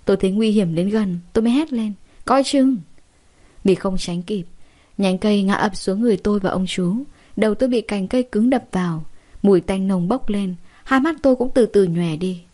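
A young woman tells a first-person story in a steady, dramatic way. Her voice has a mellow, dark tone at a middle pitch. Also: fairly quick.

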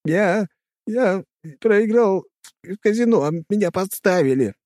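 Man putting on a sniffly scared young dude, high and whimpering, dry close sound. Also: lively intonation, measured pace, a little mellow, no echo. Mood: pleading. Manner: whimpering, pleading, tearful.

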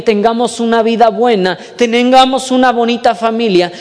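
A man's voice: sits high, darkish tone, big-room sound. A man preaching a sermon, earnest and often checking in with his listeners. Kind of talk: sermon with retold story.

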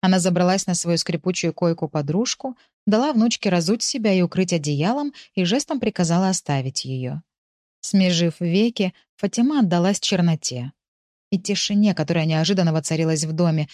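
Slow, measured woman narrating an audiobook. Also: on the low side, expressive, darkish tone, no echo, clean studio sound. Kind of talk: scripted narration.

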